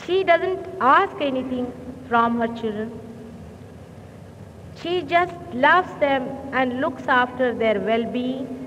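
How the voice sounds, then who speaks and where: A woman giving a slow, deliberate sermon to a hall through a microphone, often clearing her throat, heard on an old 1970s recording. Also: high voice, animated, a bit bright. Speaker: spiritual teacher. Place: large hall. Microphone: speaking into a hall microphone. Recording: old muffled hall recording with faint hiss.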